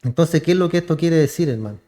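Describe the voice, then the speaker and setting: Chilean pastor guy preaching, kinda high voice, keeps asking the church questions. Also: quick pace, warm tone. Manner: calls the congregation brother, asks rhetorical questions. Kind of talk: sermon.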